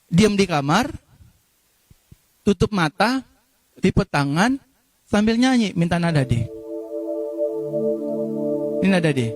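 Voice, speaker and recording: High-voiced impassioned pastor preaching. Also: male voice, sing-song, faint music behind. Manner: impassioned preaching, breaks into slow sung prayer. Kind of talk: sermon.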